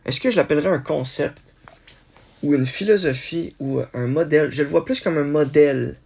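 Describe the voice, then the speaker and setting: Halting male podcast host, gravelly voice, slightly high. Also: darkish tone. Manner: halting, thinking aloud, many restarts. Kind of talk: solo podcast musing.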